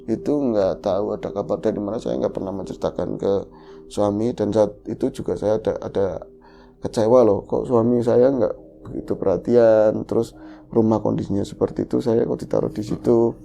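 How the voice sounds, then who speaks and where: A man co-hosting a horror podcast, retelling a ghost story in the first person with animated delivery. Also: a little fast, gravelly, slight background noise. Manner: animated, voice jumps high for quoted lines.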